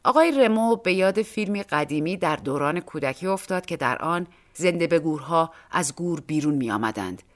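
A woman's voice: sits low, lively intonation. A woman narrating a short story for an audiobook, reading expressively and acting out the dialogue.

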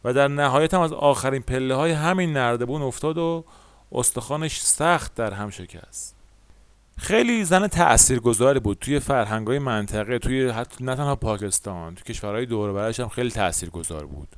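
A man's voice: medium pitch, animated, clear, resonant tone, no echo. A man with an Iranian Persian accent hosting and narrating a storytelling podcast in a conversational way.

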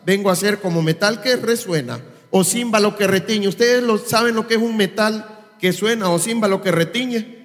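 A man's voice: high-pitched, moderate pace. A man preaching a sermon in a church service, quizzing the congregation with rhetorical questions. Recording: long reverb of a church hall.

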